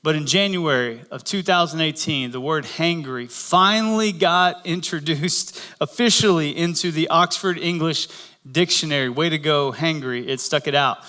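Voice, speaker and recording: A man's voice: fairly high pitch, moderate pace, pushed and bright. A man preaching a humorous Easter sermon in church, telling a story and acting out the voices in it. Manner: joking storyteller, acts out quoted voices. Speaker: pastor.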